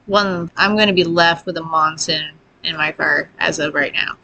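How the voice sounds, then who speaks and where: A woman's voice: sits low, steady tone, moderate pace, vocal fry, sharp tone, a little hiss or hum. A woman co-hosting a casual chat podcast, laughing often and swearing freely as she tells stories. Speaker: podcast co-host.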